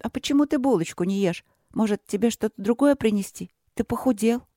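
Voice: mid-range voice, a little fast, dark tone, dry recording, clean studio sound, voice pushed up, close to an everyday voice. A reader voicing a pushy, talkative young princess in an audiobook, eager and pleading. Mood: indignant. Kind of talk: audiobook character voice.

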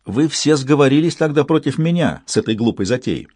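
A man voicing a scheming old woman elder who scolds her council in a shrill, bitter voice. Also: expressive, fairly quick, darkish tone, no room sound, studio quality, natural voice. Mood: scolding.

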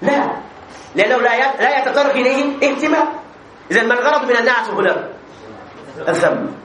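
A man's voice: extremely high pitch, fairly quick, a crowd in the background. A man teaching an Arabic grammar class as a sheikh, asking questions, answering them himself and repeating example phrases. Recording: echoey room with faint background noise.

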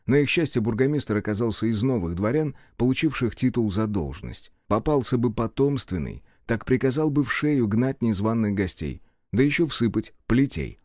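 A man narrates an audiobook with an expressive, storytelling delivery. His pitch moves widely and vividly. The recording is dry and close. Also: normal speed, hardly any pauses, no room sound.

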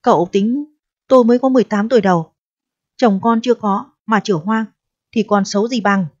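A woman's voice: fairly quick, darkish tone, no room sound, natural voice. A woman voicing a distressed, proud eighteen-year-old pregnant girl who pleads and reproaches in a storybook reading. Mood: bitter resolve. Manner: pleading and reproachful, turning shrill when upset. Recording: dull, dry audio.

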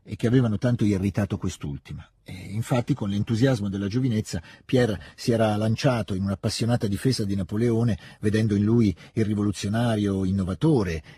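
Needs: male narrator for a classic novel; calm and measured, dark and husky, close dry studio sound. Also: fairly low pitch, no room sound. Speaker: reader. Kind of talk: scripted literary narration.

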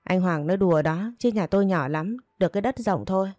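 A woman voicing a calm, reserved man who is protective and gently teasing, speaking in short, steady replies with a low, warm tone. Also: quick pace, dry recording, studio quality, close to an everyday voice.

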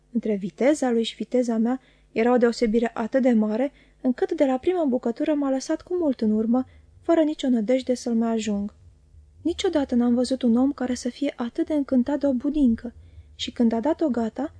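A woman reading a classic novel aloud as an audiobook narrator, calm and measured, on a close studio mic. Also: sits high, no echo. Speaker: audiobook reader.

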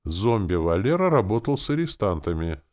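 A man narrating an audiobook in an expressive first-person manner. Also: on the low side, moderate pace.

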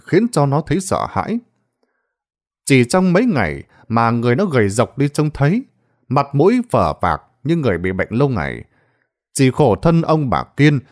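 A man narrating a ghost story in a dramatic, expressive storytelling manner. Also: mid-range voice.

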